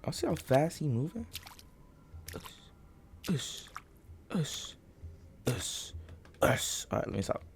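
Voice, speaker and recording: A man's voice: on the high side, big pitch swings, gravelly, slight background noise. Groggy young man rambling over gameplay. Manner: rambling, halting, many fillers and restarts. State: groggy morning voice. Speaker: gaming channel host. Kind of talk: casual let's-play commentary.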